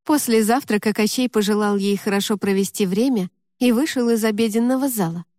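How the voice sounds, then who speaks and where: A woman narrating a fantasy audiobook in a steady, even storytelling manner. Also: mid-range voice, fairly quick, dry recording, studio quality.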